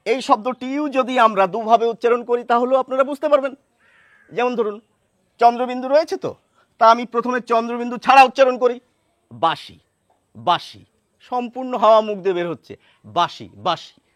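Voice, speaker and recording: A man giving a pronunciation lesson, patiently repeating words slowly to demonstrate nasal sounds. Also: very high voice, no echo, studio quality. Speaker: pronunciation teacher. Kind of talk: spoken lesson to camera.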